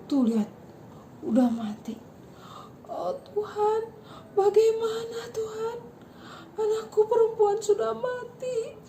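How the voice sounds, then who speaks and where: A woman's voice: steady tone, a little slow, long pauses, dark tone, echoey room, a little hiss or hum, close to an everyday voice. A woman voicing a grieving father who begs for help for his dying daughter, tearful and pleading. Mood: sobbing. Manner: tearful, pleading, high and strained.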